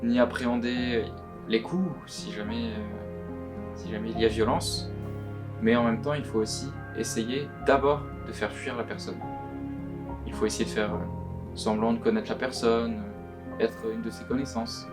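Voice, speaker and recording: A young man's voice, disguised by being pitch shifted deeper, gives anonymous testimony. He speaks in an earnest, halting way at a middling pitch. Clear guitar music plays under him. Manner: earnest, halting, often repeats words. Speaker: anonymous witness giving testimony. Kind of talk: recorded testimony, answering questions. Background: plucked guitar music.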